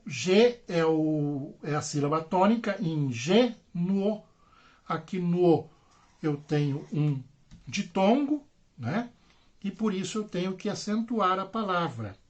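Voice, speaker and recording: Patient Brazilian teacher explaining slowly. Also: male voice, sits high, a bit bright. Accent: Brazilian Portuguese. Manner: patient, repetitive explaining with constant "né?" and "tá?" tags. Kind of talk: online grammar lesson.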